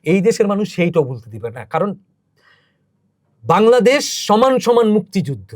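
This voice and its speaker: With a high, slightly mellow voice, a male podcast guest who works as a cultural organizer shares emotional, emphatic stories that rise in intensity. It's impassioned interview talk in a dry, studio-quality recording.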